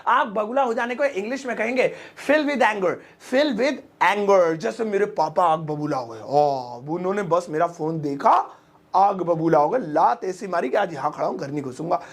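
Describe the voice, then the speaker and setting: A man teaching English idioms in a casual, playful Hindi lesson, joking and acting out examples, repeating each English phrase slowly. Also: high voice, expressive. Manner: playful, jokey, acts out example sentences.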